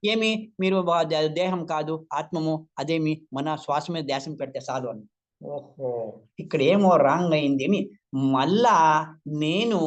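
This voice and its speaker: Older man, slightly high voice, heartfelt testimony, repeats himself. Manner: emotional, repeats words, voice rises when quoting others. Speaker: meditation teacher sharing his experience. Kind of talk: personal testimony talk.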